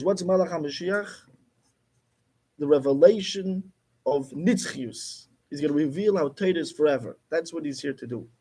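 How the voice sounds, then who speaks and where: A man's voice: on the high side, a little mellow, breathy edge. A man teaching a class, explaining emphatically and repeating his key points. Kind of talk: Torah class lecture.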